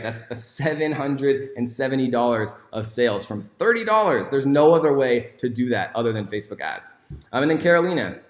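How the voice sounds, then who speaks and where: A man giving a course sales pitch, enthusiastic and full of fillers and restarts. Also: reverberant. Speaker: online course instructor.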